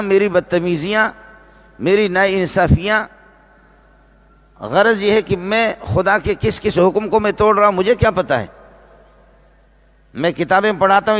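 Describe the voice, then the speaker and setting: A man preaching a religious sermon, repeating phrases and slowing down to stress key words. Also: high voice, a bit bright. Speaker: Islamic preacher and teacher. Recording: long reverb of a large hall.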